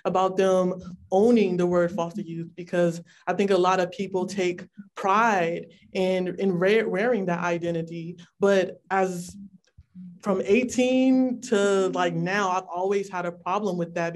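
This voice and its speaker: A woman in her twenties from California, speaking as an interview guest over a video call in an articulate, measured and earnest way. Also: fairly low pitch, a little mellow, slight background noise. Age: 20s. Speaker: policy intern, advocate.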